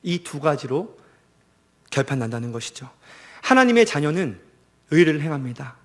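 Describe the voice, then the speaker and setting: Earnest preaching man with lively swings. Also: on the high side, normal speed. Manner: earnest preaching with rhetorical questions, rising and dropping to near silence; reads scripture aloud in a raised voice. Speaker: pastor. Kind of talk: sermon.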